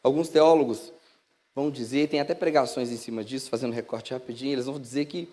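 A man with a Brazilian Portuguese accent preaching a sermon in a lively, casual way, acting out dialogue and swinging between loud bursts and hushed asides. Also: medium pitch, fast talker.

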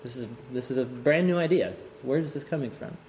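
A man teaching an informal lecture on scripture, animated and often chuckling, thinking aloud with restarts. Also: mid-range voice, a little fast, a little hiss or hum. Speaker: Bible teacher.

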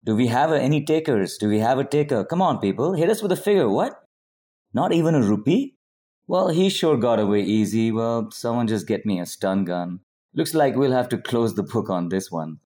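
A man's voice: mid-range voice, animated, moderate pace, warm tone. A man performing a spoken word poem as rhythmic, rhyming auctioneer patter. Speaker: poet.

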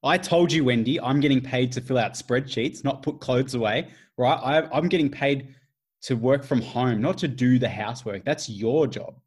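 A man's voice: lowish voice, lively intonation, brisk. A man improvising a defensive mid-forties husband who later plays a fussy hotline caller. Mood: irritated. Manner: defensive, officious. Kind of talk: improvised comedy sketch.

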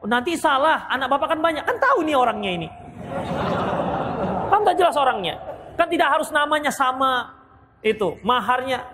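A man from Indonesia with a Medan Indonesian accent, a preacher giving a hadith lesson and answering questions, lively and joking as he acts out wedding vows. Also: very high-pitched, moderate pace, pauses often, background noise. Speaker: Islamic preacher. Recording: long reverb of a hall.

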